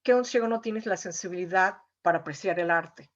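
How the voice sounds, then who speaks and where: This woman, a painter from Mexico, recounts an emotional story while being interviewed, speaking conversationally with plenty of "o sea" and "eh." Her voice is lowish and brisk, and the sound is lo-fi.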